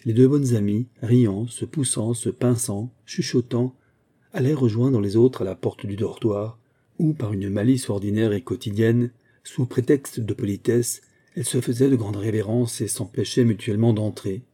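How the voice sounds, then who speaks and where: A man reading a classic novel aloud as an audiobook narrator, in a measured, even way. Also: mid-range voice, husky. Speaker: audiobook reader.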